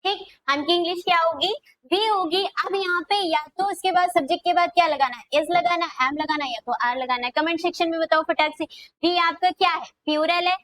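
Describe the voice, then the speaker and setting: High-voiced woman teaching grammar. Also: fairly bright tone, no room sound, poor audio. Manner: repeats questions back to students, drawn-out dictation. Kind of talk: classroom video lesson.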